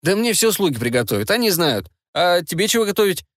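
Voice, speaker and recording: A man's voice: sits high, sing-song, fast, a bit bright, no room sound, studio quality, pitched above the performer's own voice. A man reading an audiobook and voicing a naive, sulky fifteen-year-old prince who drawls and whines. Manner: whiny, drawling.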